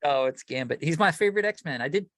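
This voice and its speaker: Slightly high and quick, this co-host's voice comes through with no room sound. On a collecting podcast, he chats casually, animated as he rambles through his stories and frequently starts over.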